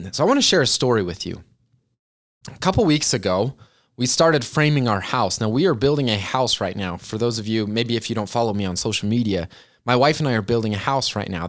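A man in his twenties hosting a podcast, talking casually and earnestly to his listeners about goals and chatting to them like friends. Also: medium pitch. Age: 20s. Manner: earnest, chatty, addresses listeners as "you guys". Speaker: podcast host. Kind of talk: casual motivational talk.

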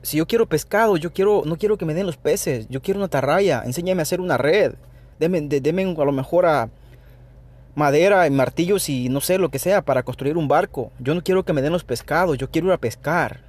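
Earnest Salvadoran man, slightly high voice. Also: a little fast, darkish tone. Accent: Salvadoran Spanish. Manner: earnest, opinionated, frequent restarts and "ok" check-ins. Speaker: podcast host. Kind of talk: spontaneous solo podcast monologue.

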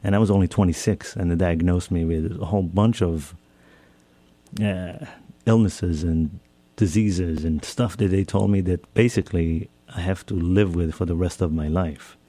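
Warm and steady, this man's low voice moves at a moderate pace with no room sound. He is in his thirties, from Israel, and reflects on self-care in a personal talk, frequently restating his phrases in new words.

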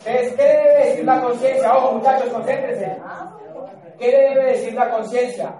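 Male speaker, high voice, emphatic, lots of questions to the room; far from mic, big echo. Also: fairly even intonation, normal speed, warm tone. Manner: emphatic, questions the audience often. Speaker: motivational speaker. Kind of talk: live motivational talk to a group. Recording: echoey hall, off-mic.

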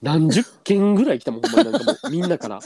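A man's voice: fairly high pitch, very animated, very fast, warm tone, husky, no room sound, studio quality. A man with a Kansai accent co-hosting a casual podcast chat, reacting expressively and telling an anecdote. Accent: Kansai Japanese. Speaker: podcast co-host.

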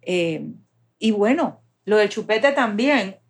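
A woman's voice: mid-range voice, lively intonation, takes it slowly, breathy edge. A woman explaining child development step by step in a patient, conversational way.

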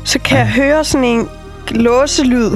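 A woman's voice: fairly high pitch, soft background music. A woman co-hosting a podcast, telling a story in casual chat and laughing as she goes.

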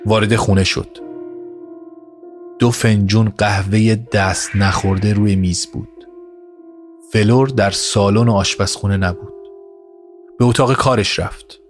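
Low-voiced male storyteller over music. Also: steady tone, long pauses. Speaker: narrator. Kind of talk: scripted audio story narration. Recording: narration over music score. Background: music score.

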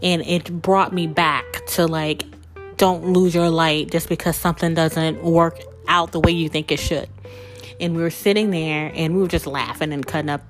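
Low-voiced woman chatting candidly. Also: steady tone, moderate pace, faint music behind. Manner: chatty and candid, with frequent "like" and "you know". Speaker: podcast host and spiritual coach. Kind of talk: casual spiritual talk with personal stories.

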